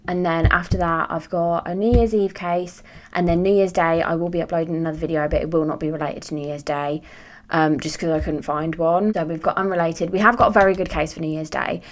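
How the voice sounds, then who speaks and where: Chatty British woman, low voice. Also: fairly even intonation, fairly quick. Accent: British English. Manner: chatty, swears freely, rambling asides. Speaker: true crime YouTuber. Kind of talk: casual chat to camera.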